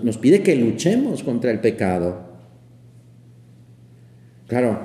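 Slow, mellow-voiced man preaching in a reverberant hall. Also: medium pitch. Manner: conversational, with many fillers and tag questions. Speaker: priest. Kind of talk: homily on the Gospel. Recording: echoey hall with long reverb.

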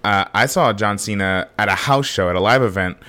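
Male podcast co-host, hoarse and deep, easygoing and filler-heavy. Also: brisk, pushed and bright. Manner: speaking low to spare his voice. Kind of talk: casual chat.

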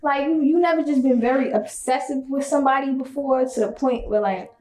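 A woman with a fairly high voice, chatting as a guest on a podcast. She is playful and pushy, needling the hosts with questions. Her voice rings a little in an echoey room. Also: brisk, a little mellow. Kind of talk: casual chat.

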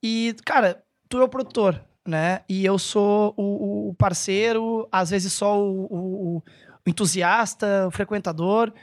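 A man speaks as a podcast guest. His talk is casual and meandering, often pausing to search for a word and correct himself. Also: high voice, fairly even intonation. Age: 30s. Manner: rambling, hesitant, self-correcting. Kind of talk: casual chat.

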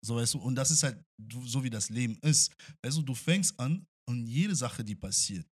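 A man with a French accent muses casually as a podcast host, leaning on little "you know" fillers. His voice sits at a middle pitch. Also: expressive, moderate pace, breathy edge. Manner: reflective, many fillers like "weißt du". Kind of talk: casual chat.

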